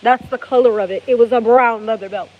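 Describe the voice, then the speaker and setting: A woman's voice: a little high, fairly even intonation, a little fast. A woman in her thirties telling a personal story to her viewers in a candid, profane, casual way, often checking in with "okay?" and "baby". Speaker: vlogger. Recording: slightly muffled with faint hiss.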